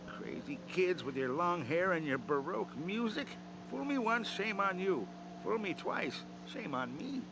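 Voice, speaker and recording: An actor playing a grumpy, superstitious old gravedigger in a cartoon adventure game, scolding and distrustful. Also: male voice, high voice, sing-song, measured pace, background noise, heavily acted. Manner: crotchety, scolding, disbelieving.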